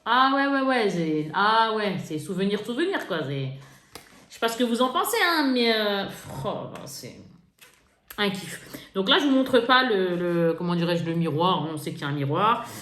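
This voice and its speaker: A woman's voice: mid-range voice, normal speed. Laughing, chatty woman in an echoey room. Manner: chatty, laughing, lively, self-mocking. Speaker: beauty vlogger. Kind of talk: casual haul vlog. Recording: echoey room with faint noise.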